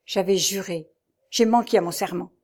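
A grave, haunted nobleman in a storybook reading, as a woman reads his part. He speaks in a sombre, halting way, weighed down by fear. The voice sits at a middle pitch. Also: darkish tone, natural voice. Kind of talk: audiobook reading.

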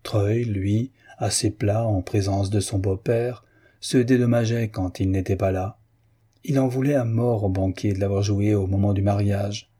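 Guy reading a novel aloud, calm and measured, mellow and a bit husky. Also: lowish voice. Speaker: audiobook narrator. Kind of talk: scripted narration of a novel.

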